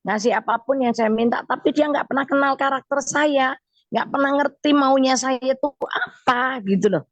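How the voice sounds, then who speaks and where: A woman evangelist, teaching from the Bible on a radio show and telling stories with deliberate emphasis. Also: sits high, no room sound, lo-fi sound. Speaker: evangelist guest speaker. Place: radio studio.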